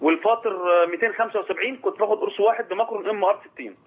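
Husky Egyptian man caller on phone. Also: sits high, rapid-fire. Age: 30s. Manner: hesitant, many fillers and restarts. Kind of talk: call-in phone conversation. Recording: tinny phone line.

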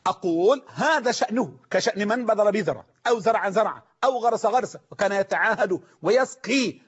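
A man with an Egyptian Arabic accent preaching a sermon, emphatic, repeating phrases and slowly drawing out quoted sayings. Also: sits high, lively intonation, breathy edge. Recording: muffled lo-fi recording.

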